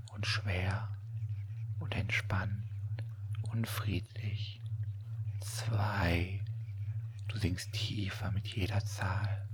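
Sleep hypnosis narrator, sex unclear. Whispered role-play, breathy and soothing, very unhurried and even, over audible noise. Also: deep voice. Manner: soothing, repetitive, counting down in short pauses. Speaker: hypnotist guiding a relaxation.

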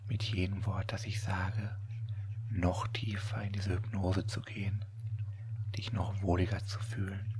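A person whispering a soothing, repetitive sleep hypnosis narration as a whispered role-play, in a breathy, unvoiced voice. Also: low-pitched, level tone, darkish tone, a little hiss or hum. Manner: soothing, repetitive, counting down in short pauses. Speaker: hypnotist guiding a relaxation.

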